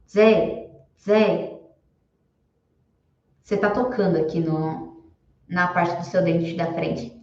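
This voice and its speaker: A young woman whose first language is Portuguese gives a live online English lesson and patiently repeats her examples slowly. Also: medium pitch, echoey room, highs cut off. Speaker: English teacher.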